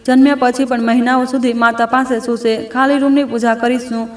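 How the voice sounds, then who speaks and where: A woman's voice: a little high, level tone, a little fast, natural voice. A woman voicing a domineering older mother-in-law who scolds. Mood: scolding. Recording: echoey room.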